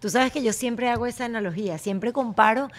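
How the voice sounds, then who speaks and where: Chatty woman host, a bit high-pitched, quick interjections. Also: a little hiss or hum. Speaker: podcast host. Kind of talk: casual chat.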